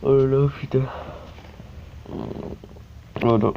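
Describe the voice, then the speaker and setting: Slow and fairly even in intonation, with medium pitch and vocal fry, the French man gives casual let's-play talk over a mobile game, repeating tags and filling gaps with fillers. He's a gaming YouTuber using a phone screen-recording mic, so the sound is lo-fi and dull with light hiss.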